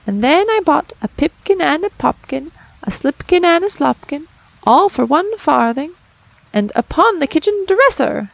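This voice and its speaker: A woman's voice: very high voice, very slow, no echo, pitched above the performer's own voice, heavily acted, poor audio. A woman voicing a chorus of tiny merry mice who sing nursery rhymes in a gleeful, twittering sing-song.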